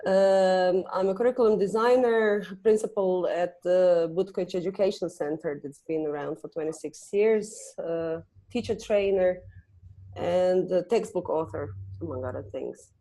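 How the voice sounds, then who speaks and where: A woman with a lowish, mellow voice. She introduces herself over a video call at a measured pace, pausing as she lists her many roles. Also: poor audio. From Croatia. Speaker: principal and curriculum designer. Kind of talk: casual self-introduction.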